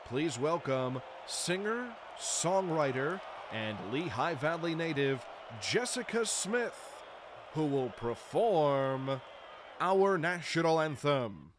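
A man in his thirties with an American accent works as a baseball public address announcer, drawing out names with a showman's flair. His voice is fairly high and lively, delivered slowly in this scripted sports announcing. Music plays behind him, making the background noisy.

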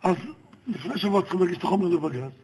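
A man's voice: high-pitched, darkish tone, husky, rough recording. A man recounting events in a played recording, steadily quoting what others told him.

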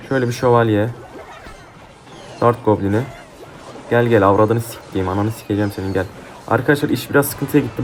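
Young male gamer, mid-pitched, profane heated trash talk over gameplay, faint game music. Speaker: gaming YouTuber. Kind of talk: live mobile game commentary.

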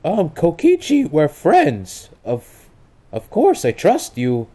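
A woman's voice: sits low, wildly swooping pitch, slow pace, warm tone, exaggerated voice. A woman voicing an earnest, flustered male cartoon video game hero in an amateur comedic role-play, hesitant and exclaiming. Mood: doubtful.

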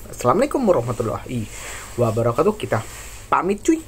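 Man in his thirties, casual food vlog, slangy chatter, mid-pitched, faint room hiss. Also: huge pitch swings, brisk. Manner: chatty, slangy, eating while talking. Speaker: food vlogger. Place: small indoor shop room. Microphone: phone camera at arm's length.

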